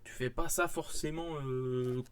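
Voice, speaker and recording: A man's voice: mid-range voice, steady tone, measured pace, clear, resonant tone. A young man, casually rambling through a manga haul vlog with many fillers and restarts. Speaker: manga vlogger.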